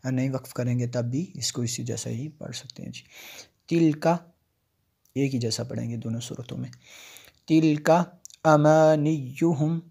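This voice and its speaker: Guy with type doing a tajweed lesson, pretty monotone, lots of uh pauses between rules. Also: mid-range voice, breathy edge. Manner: slow drawn-out recitation, then plain explaining talk with many "uh" pauses. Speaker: Quran recitation teacher. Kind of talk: tajweed lesson, recitation with explanation.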